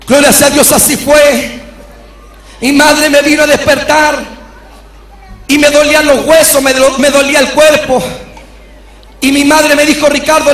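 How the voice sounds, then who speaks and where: High-voiced shouting preacher man. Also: echoey room, poor audio. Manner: shouting, fervent preaching cadence; repeats "hermano querido" between phrases. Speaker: pastor and bishop. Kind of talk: preached testimony.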